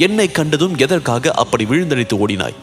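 A man's voice: fairly high pitch, sing-song, fairly quick, faint music behind, pitched above the performer's own voice. A man doing a boastful, joking young warrior. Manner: jesting, dramatic cries. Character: boastful witty young male warrior, playful.

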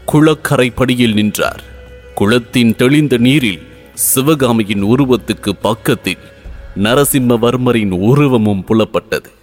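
A man narrating a historical novel in a measured, formal storytelling manner. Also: mid-range voice.

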